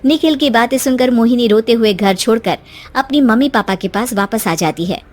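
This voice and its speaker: A woman's voice: a little high, normal speed, darkish tone. A woman narrator reading a scripted moral story as a voice-over. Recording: voice-over with music. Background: music.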